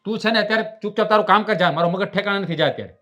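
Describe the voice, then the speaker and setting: An actor playing a frustrated, irritable husband in a Gujarati stage play, quick to shout. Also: male voice, mid-range voice, lightly acted. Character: frustrated husband who lost his job.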